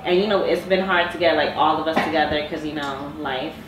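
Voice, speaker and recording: A young adult woman chatting casually as a podcast co-host, slangy and expressive. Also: deep voice, a little fast, crowd noise. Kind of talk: casual chat. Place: echoey room called a studio. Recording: echoey room, distant mic, voices around.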